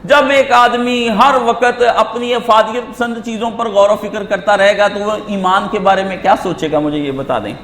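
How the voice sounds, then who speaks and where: A man delivering a Friday sermon, firing rhetorical questions at his listeners and rising now and then to emphatic shouts. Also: high-pitched, fairly even intonation, hardly any pauses, a little hiss or hum. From Pakistan. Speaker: preacher. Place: mosque hall. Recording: echoey hall reverb.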